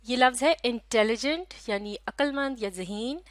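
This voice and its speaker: A woman teacher with a Pakistani Urdu accent and a fairly high voice talks close to a dry mic. She speaks slowly and carefully, stretching out each syllable for young learners. She asks questions and then answers them herself. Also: dry recording. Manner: slow, careful, drawn-out syllables for children. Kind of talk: recorded classroom lecture.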